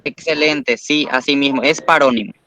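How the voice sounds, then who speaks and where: A man's voice: medium pitch, fairly even intonation, moderate pace, bright, forceful tone. A man teaching a language class, explaining patiently step by step and praising students.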